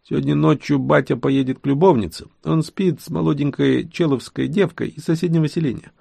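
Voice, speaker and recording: Мужчина, читающий аудиокнигу, озвучивает самого юного хвана, напористого и дерзкого интригана. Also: male voice, fairly high pitch, fairly quick, vocal fry, mellow, husky, no room sound, studio quality, voice pushed up, exaggerated voice. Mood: insistent. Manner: pushy, insistent. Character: youngest young male khan, brash schemer.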